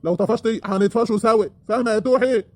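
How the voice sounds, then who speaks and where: A man's voice: sits high, rapid-fire, natural voice. A man with an Egyptian accent playing a remorseful, self-pitying husband in an audio drama, pleading and wheedling. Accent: Egyptian Arabic.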